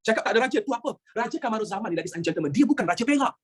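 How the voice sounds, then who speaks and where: Malaysian history teacher, fast and husky, pitch all over the place, keeps quizzing the class. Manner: animated, asks students rhetorical questions; mixes in English phrases. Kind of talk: online history lesson.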